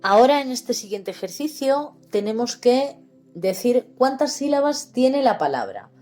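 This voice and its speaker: A woman with a Spanish accent from Spain teaching a slow, patient literacy lesson, spelling words out syllable by syllable. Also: on the high side, sing-song, dark tone, soft background music. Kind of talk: explaining grammar lesson.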